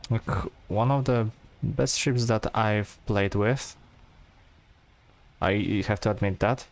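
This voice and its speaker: A man giving relaxed, rambling gameplay commentary, full of fillers and restarts. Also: on the low side, takes it slowly, vocal fry. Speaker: gameplay streamer.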